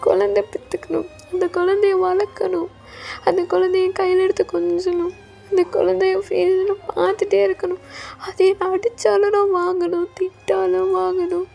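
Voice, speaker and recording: A woman's voice: extremely high pitch, level tone, moderate pace, gravelly, warm tone, faint music behind, heavily acted. A woman voicing a young man who pleads tearfully and insistently with his lover for a child, in a fan audio drama. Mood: tearful pleading.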